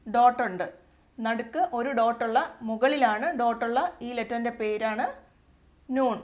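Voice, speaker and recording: A woman's voice: fairly high pitch, fairly even intonation. Patient Malayali woman teaching letters. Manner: patient, repeats each letter sound slowly. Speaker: Arabic tutor. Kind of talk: step-by-step alphabet lesson.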